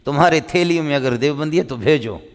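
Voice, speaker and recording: A man's voice: on the high side, fast talker. A male religious scholar giving an impassioned speech to a gathering, emphatic and hectoring, often asking his listeners whether they understand and reciting Arabic passages. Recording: long hall reverb.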